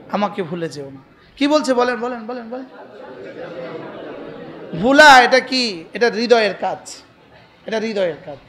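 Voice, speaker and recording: A man's voice: very high voice, a bit bright. A man from Bangladesh with a Noakhali accent, preaching a sermon, telling anecdotes and getting the crowd to repeat his lines back. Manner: call-and-response, asks crowd to repeat, tells anecdotes.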